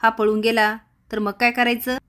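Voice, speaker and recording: A woman's voice: on the high side, little pitch movement, moderate pace, fairly bright tone, close to an everyday voice. A woman voicing a bold older village man who gives orders and urges others on. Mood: commanding. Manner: commanding, urging others on.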